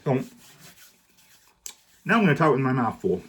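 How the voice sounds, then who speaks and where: A middle-aged man vlogging about collectibles, relaxed and joking, sometimes talking while chewing candy. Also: medium pitch, moderate pace, husky. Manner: relaxed, joking, rambling with fillers. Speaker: card collecting YouTuber. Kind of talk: casual vlog, showing gifts to camera.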